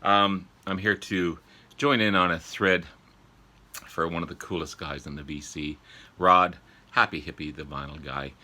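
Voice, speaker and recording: A man with a sore throat from a cold, chatting casually and haltingly as a vlog host, often needing to clear his throat. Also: low voice, fairly even intonation, sharp tone. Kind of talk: casual chat to viewers about records. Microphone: older phone.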